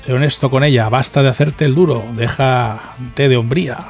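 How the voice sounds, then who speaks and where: A man from voicing a calm, persistent young male hero in a game, speaking earnestly. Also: medium pitch, normal speed, faint music behind, close to an everyday voice. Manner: earnest, pleading.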